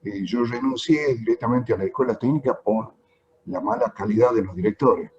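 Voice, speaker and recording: A man's voice: medium pitch, normal speed, darkish tone, a little hiss or hum. A middle-aged man with a Tucumán accent from Argentina, a technical teacher speaking earnestly in an online meeting, his voice breaking up over a bad connection. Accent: Argentine Spanish, Tucumán. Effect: breaking up over a bad video-call connection. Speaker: technical education teacher, call participant. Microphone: video call. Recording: dull, choppy video-call audio.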